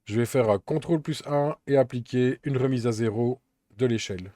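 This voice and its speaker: A man walks through a software tutorial step by step, calm and methodical. His voice is dark and mellow, and the recording is dry and close with no room sound. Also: medium pitch, a little fast, no echo. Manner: calm, methodical step-by-step explaining with occasional fillers. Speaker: Blender tutorial instructor.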